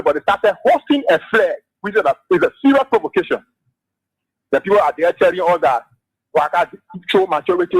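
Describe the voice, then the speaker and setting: A man's voice: high voice, slightly rough. A male caller on a radio talk show urging listeners to stay prayerful, heard over a phone line. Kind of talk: call-in radio commentary.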